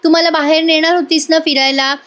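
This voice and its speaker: A woman's voice: high voice, steady tone, brisk, fairly bright tone, voice pushed up. A woman voicing a young girl patient who pleads in a whiny, coaxing way. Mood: pleading.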